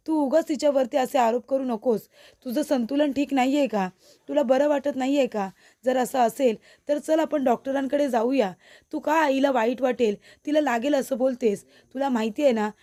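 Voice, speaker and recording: A woman's voice: high voice, warm tone. Young husband scolding his wife, insistent, voiced by a woman narrator.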